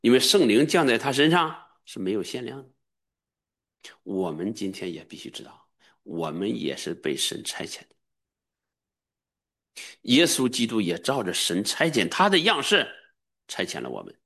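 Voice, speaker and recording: A middle-aged man preaching a sermon as a pastor, emphatic and sometimes bursting into high-pitched exclamations. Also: sing-song, moderate pace, pauses often, fairly bright tone.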